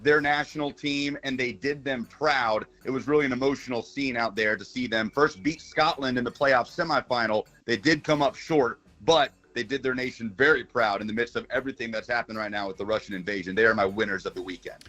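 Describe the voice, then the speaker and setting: A man's voice: mid-range voice, fairly quick, few pauses, sharp tone. A man from Brazil, a regular on a sports talk show, calling in over a phone line and chatting in a wry, earnest way. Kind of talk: casual sports radio chat.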